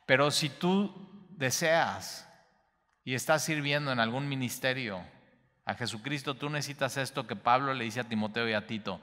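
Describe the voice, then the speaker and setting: A man's voice: mid-range voice, normal speed, bright, forceful tone, long reverb tail. A man teaching a Bible study as a pastor, repeating key phrases emphatically with small stumbles. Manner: repetitive, emphatic, slight stumbles.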